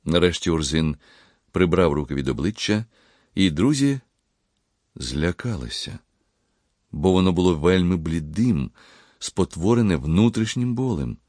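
Deep-voiced male audiobook narrator. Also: animated, a little slow, long pauses, darkish tone, dry recording, clean studio sound. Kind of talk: scripted narration.

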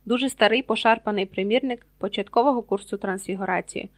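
A woman reads a storybook aloud in a steady, scripted narration. Her pitch sits in the middle of the range. She reads out the page numbers as she goes along. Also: fast talker. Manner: reads page numbers aloud, voices characters with raised loudness. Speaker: audiobook reader.

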